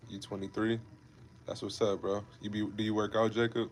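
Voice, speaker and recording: A man in his twenties from Ohio hosts a fitness livestream, chatting with viewers in a laid-back, repetitive way and calling them bro and man. His voice is lowish and level at a normal pace, with a little hiss or hum in the recording.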